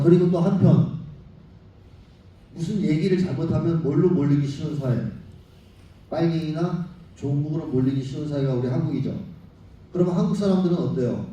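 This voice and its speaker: A middle-aged man lectures a union crowd with blunt, animated delivery and a stream of rhetorical questions. His voice is very dark and mellow. It carries from a distance across a heavily echoing hall with faint background noise. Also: a little high. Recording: echoey hall picked up from far off.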